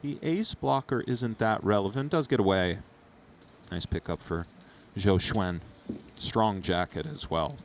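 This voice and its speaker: Guy with a low voice calling poker, measured and chatty analysis, some room noise behind him. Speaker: poker commentator. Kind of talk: analytical poker commentary with casual chat.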